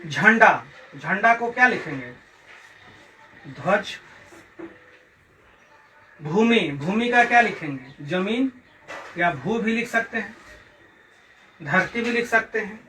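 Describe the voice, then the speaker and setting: Bihari-accent guy teaching hindi class, bright voice, kinda far off mic, faint hiss behind. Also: sits high, lively intonation. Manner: slow, drills pronunciation by repeating words. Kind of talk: recorded online class lecture. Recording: distant mic with faint background noise.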